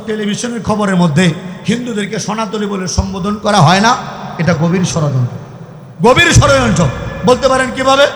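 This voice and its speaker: A man from the Mymensingh region of Bangladesh preaching to a crowd, shouting and firing questions back at his listeners. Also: high voice. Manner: shouting, call-and-response questions to the audience. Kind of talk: Islamic sermon to a crowd. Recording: echoey hall reverb from PA.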